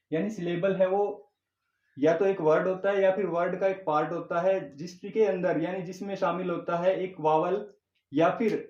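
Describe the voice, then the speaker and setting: A man teaching an English grammar class, explaining slowly and repeating terms, mixing English words into his Hindi. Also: on the high side, darkish tone. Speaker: English tutor. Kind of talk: classroom lecture. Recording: echoey room, dull lo-fi sound.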